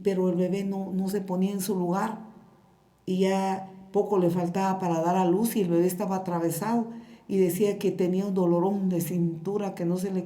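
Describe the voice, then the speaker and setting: Woman pastor, Guatemalan accent, warm soft voice, storytelling sermon. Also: mid-range voice, roomy sound. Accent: Guatemalan Spanish. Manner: storytelling, addresses the congregation directly. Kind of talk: sermon with testimony.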